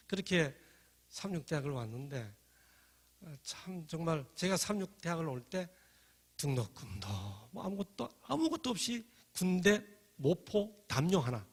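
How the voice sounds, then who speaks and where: Middle-aged man, husky and slightly high-voiced, animated storyteller giving a testimony talk. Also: big-room sound. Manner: lively, acts out quoted voices. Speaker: speaker giving a personal testimony.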